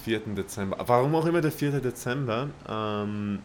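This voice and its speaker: A man's voice: medium pitch, moderate pace, slight background noise. A man hosting a podcast in casual chat, teasing his guest with laid-back banter. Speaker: podcast host. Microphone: own microphone.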